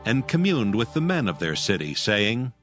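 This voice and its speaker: A man narrating scripture in a measured, solemn way. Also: fairly low pitch, big pitch swings, fairly bright tone. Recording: music bed behind voice.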